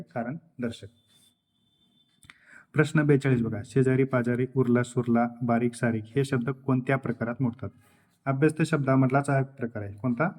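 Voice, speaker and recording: A man teaching a grammar lesson for exam preparation. He asks questions, answers them himself, repeats the key terms and now and then clears his throat. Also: mid-range voice, a little mellow.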